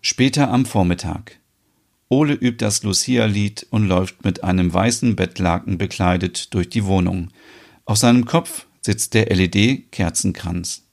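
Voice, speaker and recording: A man giving scripted narration for a podcast soap opera, reading in a calm, even way. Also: sits low, a little slow, gravelly.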